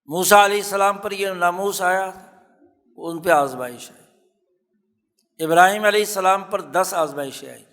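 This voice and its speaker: This hadith teacher, a man with a Pakistani Urdu accent, tells his story in a measured, unhurried way, driving points home through repetition. His slightly bright, rather high male voice carries the long echo of a lecture hall during the formal lecture.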